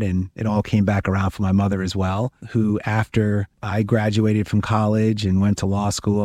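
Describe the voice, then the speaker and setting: Middle-aged guy from guyana, prosecutor, low warm voice, earnest storytelling w/ some ums. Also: dry recording. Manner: earnest, reflective, with occasional fillers and restarts. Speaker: chief deputy prosecutor, guest. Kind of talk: conversational storytelling interview.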